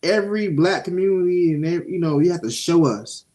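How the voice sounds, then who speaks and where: A young man talks through a TV episode with a loose, streetwise swagger, swearing and storytelling as he goes. His voice sits a little high for a man. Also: lively intonation, a little fast, a little mellow. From Jacksonville, Florida (Duval). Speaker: podcast co-host. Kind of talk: casual show review chat.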